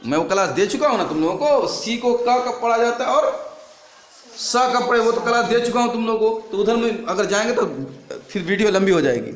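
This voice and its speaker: A man teaching a classroom lesson, spelling words out slowly and drilling his students with repeated questions. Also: high-pitched, lively intonation. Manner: slow, drawn-out spelling. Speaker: English teacher. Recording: echoey room with faint noise.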